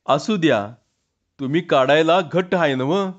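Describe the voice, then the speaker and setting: A man's voice: fairly high pitch, a little slow, natural voice. A man voicing an anxious, outspoken village wife, with rustic exclaiming speech in a dull lo-fi recording. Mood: anxious scolding. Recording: dull lo-fi sound.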